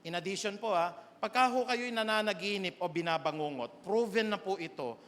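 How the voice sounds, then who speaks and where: A man with a Filipino accent, preaching a sermon as pastor, swinging from quiet storytelling to loud emphatic calls. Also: sits high, moderate pace, big-room sound. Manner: preaches in Tagalog with English phrases, rising to loud emphatic calls. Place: church sanctuary.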